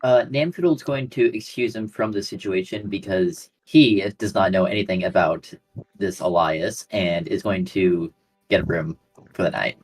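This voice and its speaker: A man's voice: sits low, normal speed, slightly rough, poor audio. A man taking part as a player in a tabletop game, speaking in casual in-game role-play.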